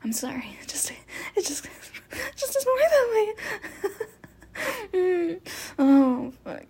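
A woman's voice: sits high, expressive, takes it slowly, mellow, full character voice. Woman doing a whispering sadistic killer. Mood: manic. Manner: breathy whispering with sudden laughs. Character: sadistic unhinged female killer, mocking and cruel. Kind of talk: adult audio roleplay.

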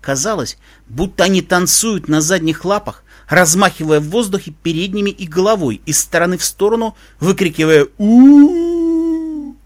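A man narrating a story in an expressive, animated way. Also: high voice, fairly quick.

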